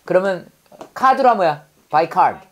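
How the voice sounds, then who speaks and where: A woman's voice: on the low side, animated, unhurried, slight background noise. A woman teaching English vocabulary in class, drilling students with call-and-repeat prompts and playful memory tricks.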